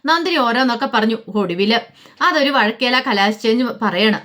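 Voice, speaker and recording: A woman's voice: a little high, lively intonation, moderate pace, sharp tone. A woman casually retelling a family drama in loose, chatty narration, slipping in fillers and quoted dialogue. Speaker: storyteller.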